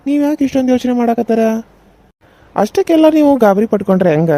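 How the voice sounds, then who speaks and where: A performer voicing a reassuring small-town male doctor with a North Karnataka Kannada accent, who speaks in a calm, matter-of-fact way. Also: mid-range voice, quick pace, no room sound, natural voice.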